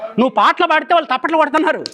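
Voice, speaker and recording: A man's voice: extremely high pitch, lively intonation, very fast, bright, forceful tone. A man preaching a fiery sermon in Telugu, firing rhetorical questions at the congregation.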